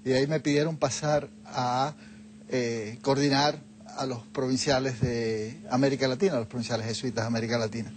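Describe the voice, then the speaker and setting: A man's voice: mid-range voice, steady tone, brisk, a little hiss or hum. An older man, a guest in a TV studio interview, explaining things reflectively into a lapel mic. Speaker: guest, Jesuit leader. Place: TV studio set, seated on a sofa.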